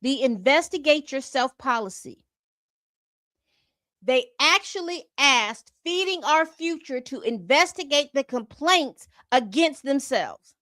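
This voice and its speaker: High-voiced woman commenting on a news report. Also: expressive, slow, fairly bright tone, no echo. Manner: reads documents aloud then comments with exasperated asides. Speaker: commentary channel host. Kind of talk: casual commentary reading reports.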